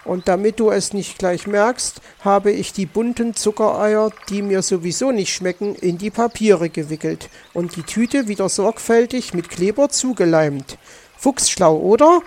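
A man's voice: sits high, a little slow, darkish tone. A man voicing a mischievous young fox nephew in a children's audiobook, cheeky and pleading.

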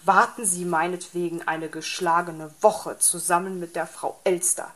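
A woman's voice: lowish voice, flat delivery, moderate pace, a bit bright, close to an everyday voice. A woman voicing a grumpy, lazy male fox in a storybook reading, irritable and grumbling.

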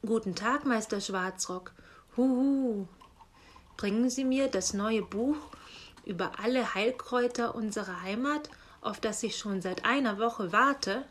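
A woman's voice: a little high, unhurried, a little hiss or hum, natural voice. A woman voicing a polite old male owl who hoots between his words in a storybook. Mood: hopeful.

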